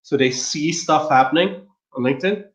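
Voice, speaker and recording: On this slightly dull, roomy online-call recording, a man with a fairly high voice speaks at a moderate pace. He's from Belgium, a LinkedIn marketer and interview guest, explaining things casually step by step.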